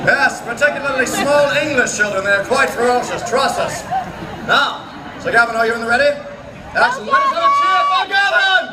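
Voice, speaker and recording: A man's voice: very high voice, expressive, brisk. English royal , male performer, effusive olde fair speech, swooping delivery, echoey noisy grounds. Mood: rousing. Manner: effusive, proclaiming, mock-regal. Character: haughty English royal presiding over human chess at a fair. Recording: echoey fairground, loud crowd and noise. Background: loud cheering crowd and noise.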